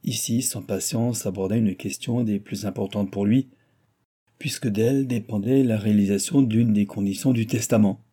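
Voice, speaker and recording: A man calmly narrating a novel in even storytelling tones. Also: fairly low pitch, moderate pace. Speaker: audiobook narrator.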